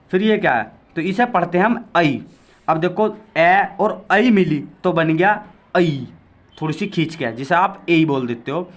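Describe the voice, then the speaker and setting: A man giving a Hindi grammar lesson for exam prep, explaining patiently, repeating points, drawing out sounds and asking quiz-like questions. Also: fairly high pitch. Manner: talks to viewers directly with quiz-like questions.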